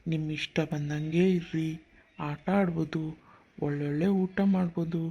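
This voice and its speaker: A man's voice: fairly high pitch, fairly even intonation, moderate pace, dark tone, muffled recording. A man voicing a protective, childless uncle in a cartoon, scolding strangers and coaxing children. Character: kind childless uncle, protective, warm-hearted. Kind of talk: cartoon voice acting.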